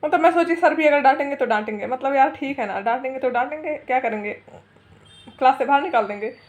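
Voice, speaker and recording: A woman's voice: high voice, quick pace. A young woman vlogger telling a heated personal story in a casual, rambling way, mixing English phrases into her talk and laughing often. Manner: chatty, rambling, mixes English into Hindi.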